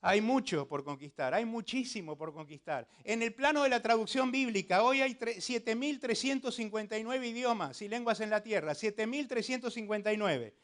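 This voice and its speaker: A man's voice: high voice, expressive, normal speed, hardly any pauses, a bit bright. A man preaching a sermon as pastor, exhorting the congregation and putting questions straight to them. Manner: preaches with rising emphatic exhortation; addresses listeners directly with questions.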